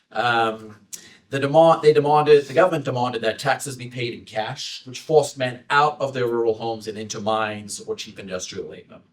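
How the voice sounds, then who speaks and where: A middle-aged man from South Africa giving a measured, personal book talk from slides, with many uh fillers. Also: medium pitch, distant mic, low-quality recording. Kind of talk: lecture with slides. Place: library event room.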